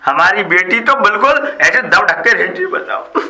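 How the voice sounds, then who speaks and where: A man's voice: sits high, expressive, moderate pace, pushed and bright, full character voice. An older man playing a tobacco-chewing, self-pitying village headman in a comedy sketch. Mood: grumbling. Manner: grumbling, pious bluster.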